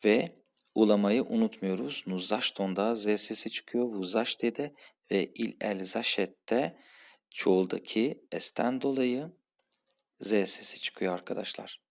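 A man's voice: on the low side, measured pace, gravelly. A man teaching French grammar, patiently saying each verb form and then its translation. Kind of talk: explaining French grammar for a Turkish-speaking class.

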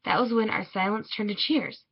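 A woman reading a children's picture book aloud in a measured, expressive way. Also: mid-range voice, husky. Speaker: storybook reader. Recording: dull lo-fi recording.

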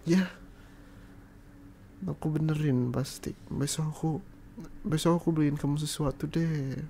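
A man's voice: fairly high pitch, fairly even intonation, a little slow, vocal fry, warm tone, a little hiss or hum. A young man in an ASMR boyfriend role-play, pleading and apologizing in a coaxing way and slipping English phrases into his speech.

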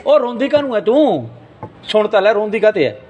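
Man with a lively high voice, coaxing. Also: fairly quick, narrow, tinny audio, background noise. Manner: coaxing, reassuring, repeats himself. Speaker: gurdwara volunteer. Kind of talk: consoling questioning on camera. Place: Sikh gurdwara.

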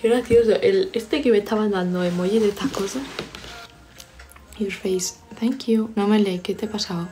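A woman's voice: medium pitch, moderate pace, dark tone. Young Spanish woman streamer, casual and playful, mid-range voice, faint music underneath. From Spain. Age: young adult. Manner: chatty, teasing, reads viewer comments aloud. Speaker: livestreamer. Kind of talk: casual live chat reading comments. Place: home, studying.

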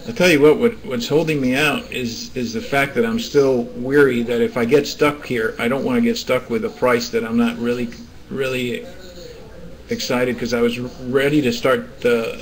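Man hosting live market calls, halting, restarts a lot, mid pitch. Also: fairly even intonation, rough recording. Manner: hesitant, restarts, coaxing the screen. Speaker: forex trading room host. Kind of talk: live market commentary to traders. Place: trading room, screen recording.

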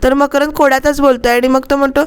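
A woman with a high voice retells a TV serial episode in a chatty voice-over, as if talking straight to her viewers. She explains who said what to whom and asks her audience for their opinion now and then. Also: flat delivery, fast. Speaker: serial review narrator.

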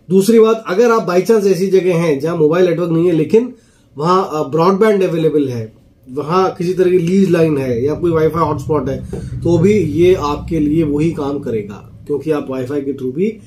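A slightly high, mellow-voiced man in his thirties from India explains a product casually in a demo, scattering English phrases throughout. He reviews products and sells walkie-talkies, and speaks from a small office indoors.

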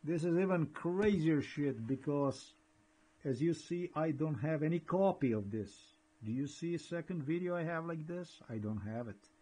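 A man with a husky, breathy voice talks through a screen recording. He rambles excitedly and narrates each step as he clicks through files. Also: fairly high pitch, normal speed, low-quality recording. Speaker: vlogger.

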